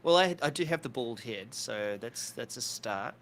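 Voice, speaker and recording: A man's voice: mid-range voice, animated, moderate pace, fairly bright tone. A man co-hosting a live show in casual chat, joking and laughing easily while thinking aloud. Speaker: podcast co-host.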